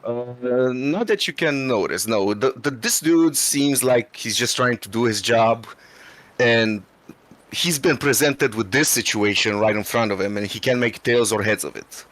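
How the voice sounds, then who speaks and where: A man's voice: medium pitch, measured pace, fairly bright tone. Man, game master, patient explaining, voice chat. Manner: explains rules and scenes patiently. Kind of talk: running a tabletop game.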